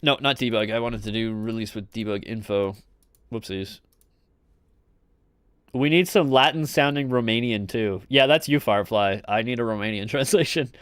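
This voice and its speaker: A man's voice: medium pitch, normal speed, smooth, dry recording, studio quality. A man developing a game live, joking with his viewers and mumbling through code as he debugs, rambling with chuckles. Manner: talks to viewers in chat; mumbles quietly while debugging. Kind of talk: casual live coding chat.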